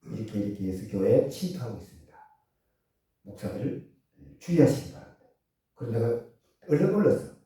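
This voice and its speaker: A male pastor delivers a sermon, firing rhetorical questions at the congregation. His voice is dark and mellow yet swings widely in pitch. He is heard from a distance in a strongly echoing church hall. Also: sing-song, a little fast, pauses often. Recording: echoey church hall from far off.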